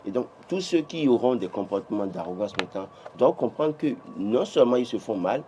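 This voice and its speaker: Speaking at a medium pitch, a man with a Beninese French accent delivers animated, fairly quick political commentary during a morning TV press review. He is emphatic, restarts often, and his voice rises when he insists. There is noticeable background noise.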